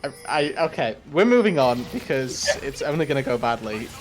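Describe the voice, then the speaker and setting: A man's voice: medium pitch, animated, normal speed, a little hiss or hum. A man giving color commentary on an esports match, explaining tactics with a dry, teasing humor. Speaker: esports caster.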